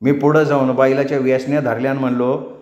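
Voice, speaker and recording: A man telling a folk tale in a brisk, earthy manner. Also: mid-range voice, flat delivery, darkish tone, lo-fi sound. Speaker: storyteller. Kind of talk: spoken rural folk tale. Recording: echoey room.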